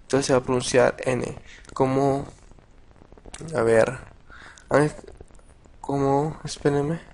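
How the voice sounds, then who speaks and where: A man teaching a casual video lesson, patient and halting, with many restarts and repeated words. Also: medium pitch, fairly even intonation, a little mellow. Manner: patient, addresses viewers directly. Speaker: language teacher.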